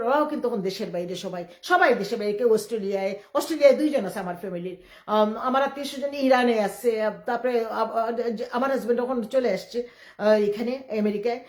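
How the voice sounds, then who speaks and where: A middle-aged woman from Bangladesh, speaking in a rambling live-stream monologue. She talks quickly and emphatically, often defiant, with many restarts. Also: a little high. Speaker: livestreamer. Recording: echoey room.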